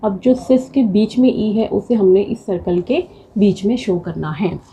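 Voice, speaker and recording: A woman with a warm, medium-pitched voice teaches shorthand, patiently saying each word again and again, slowly, as a drill. The low-quality recording carries a little hiss or hum.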